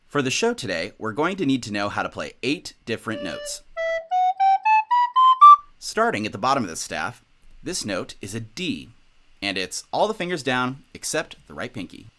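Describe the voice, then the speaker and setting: Lively young man teaching music. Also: moderate pace. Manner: upbeat, instructional, lively pitch. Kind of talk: music tutorial.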